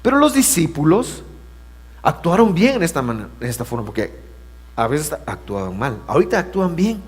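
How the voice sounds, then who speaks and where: A male pastor preaching a sermon, moving between quiet asides and loud, emphatic passages. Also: a little high, sing-song, fairly quick, slightly rough, in a large hall.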